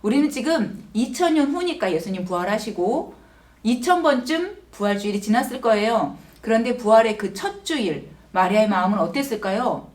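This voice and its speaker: Woman teacher giving a kids' sermon, kinda high voice, asks the kids stuff, mic a bit far off. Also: lively intonation, moderate pace. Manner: gentle, asks children questions. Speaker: children's Sunday school teacher. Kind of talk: children's Easter sermon.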